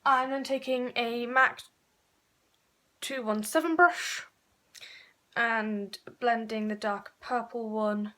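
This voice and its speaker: A woman's voice: a little high, fairly even intonation, slow pace, pauses often, sharp tone. A woman chatting her way through a makeup tutorial, rambling and correcting herself as she goes. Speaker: beauty vlogger.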